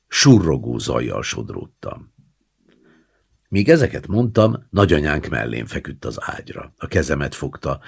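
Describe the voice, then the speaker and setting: A man reading a literary short story aloud in a measured, hushed way, at times dropping to a whisper. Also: rumbling low, vocal fry, slightly rough. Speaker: audiobook reader.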